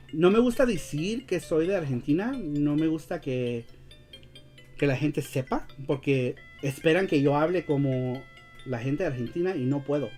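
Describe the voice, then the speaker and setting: A man who grew up in Los Angeles hosting a casual live-stream chat, speaking slangy Mexican-style Spanish learned as a second language, with English as his native tongue, often pausing to search for words. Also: a little high, warm tone. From United States, grew up in Los Angeles. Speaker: show host.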